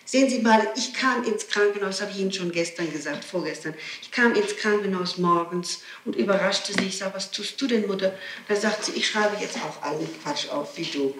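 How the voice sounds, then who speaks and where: Captured on an aging 1960s recording, a woman being interrogated as a suspect talks a little fast in a medium-pitched, somewhat bright voice. She repeats herself often and explains insistently in unrehearsed testimony, and the tape has an echoey room and faint hiss or hum.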